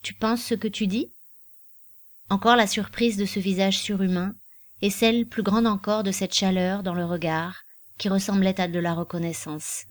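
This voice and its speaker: A woman narrating a literary novel as an audiobook in a measured, expressive reading. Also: mid-range voice.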